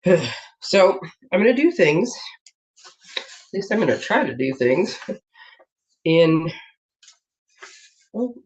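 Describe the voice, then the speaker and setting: A woman's voice: lowish voice, big pitch swings, takes it slowly, pauses often, a little mellow. A woman hosting a casual craft live stream from her home desk, rambling and laughing often, a bit congested from a sinus infection. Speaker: host of a papercraft live stream. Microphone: webcam setup. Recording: dull lo-fi stream audio.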